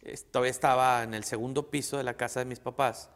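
A man's voice: medium pitch, fairly even intonation, fast, clear, resonant tone. A middle-aged man with a Mexican accent, a comedian telling a family story in slangy, crude, rambling talk full of restarts. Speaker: guest comedian. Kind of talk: casual storytelling. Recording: long reverb.

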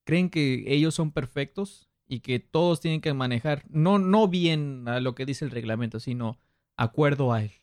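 A man's voice: mid-range voice, normal speed, dry recording, clean studio sound. Northern Mexican man, slangy podcast storyteller. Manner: animated retelling with acted-out quotes and street slang. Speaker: podcast host. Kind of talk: casual slangy podcast chat, telling anecdotes.

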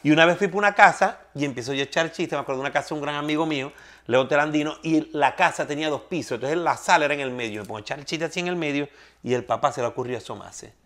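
A quick-talking co-host trading joke stories in easy chat. His voice is bright and a little high for a man, and he keeps a brisk pace. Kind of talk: casual chat and joke-telling.

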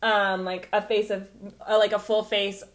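Young woman, podcast co-host, casual chat, lots of "like" and "um", relaxed. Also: mid-range voice, normal speed. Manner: laid-back, heavy on fillers like "like" and "um".

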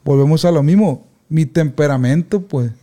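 A young man, telling childhood stories in casual podcast chat with loud outbursts. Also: a little high, moderate pace. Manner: animated slangy storyteller, loud outbursts. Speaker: podcast co-host.

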